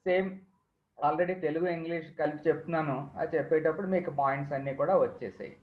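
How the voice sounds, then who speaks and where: A thin, phone-like recording in an echoey room carries a male teacher with a slightly high voice and a Telugu accent. He lectures in a mix of Telugu and English. His manner is explanatory, and he often repeats key terms and phrases. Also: fast talker. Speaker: chemistry teacher.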